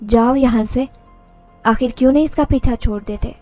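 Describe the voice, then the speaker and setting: A woman's voice: fairly high pitch, a little mellow, close to an everyday voice. Stern male exorcist, read by a woman storyteller: commanding, faint music behind.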